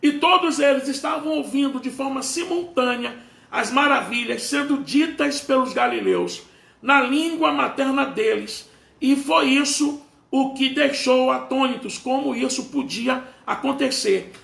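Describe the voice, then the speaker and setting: A man's voice: extremely high pitch, measured pace, gravelly, fairly bright tone, roomy sound. A man preaching a sermon, explaining a Bible passage to his listeners.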